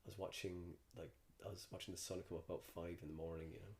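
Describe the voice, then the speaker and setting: A man's voice: deep voice, little pitch movement, quick pace, a little mellow, slight background noise. A man from the countryside, a comedian guest, telling stories in a loose, rambling way with lots of restarts. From Ireland. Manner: rambling, storytelling with many restarts. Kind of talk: casual podcast chat.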